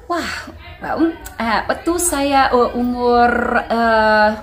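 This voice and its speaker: High-voiced woman speaking Indonesian as a foreigner. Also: drawn-out words, faint music behind. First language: English. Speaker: Indonesian language teacher. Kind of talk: casual interview answers.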